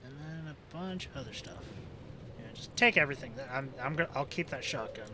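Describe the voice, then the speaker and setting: A man's voice: a little high, lively intonation, brisk, crowd noise. A man giving casual gameplay commentary as a streamer, offhand and reacting aloud. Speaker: game streamer.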